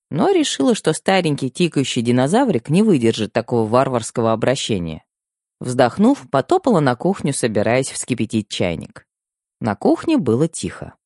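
A man reading a first-person story aloud as an audiobook narrator, with expressive storytelling. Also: medium pitch, dry recording, clean studio sound. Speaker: audiobook reader.

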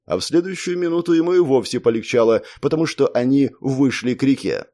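A man reads a crime novel aloud in a steady, measured way. His voice sits at a middle pitch with a dark, mellow tone, unhurried and even throughout the narration. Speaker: audiobook narrator. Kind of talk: scripted narration.

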